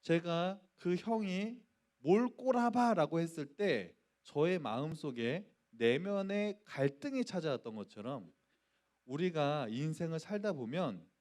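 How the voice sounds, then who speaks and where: A man's voice: on the high side, a little mellow. A middle-aged man, a pastor, giving a youth sermon in a church and telling a story while acting out the voices in it. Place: church sanctuary.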